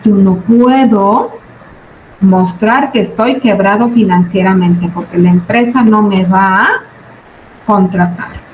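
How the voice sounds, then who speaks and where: Speaking slowly in a mid-range, darkish voice, a Mexican-accented woman in her forties lectures students informally on business budgeting, posing questions and answering them. Background noise and a roomy echo fill the recording.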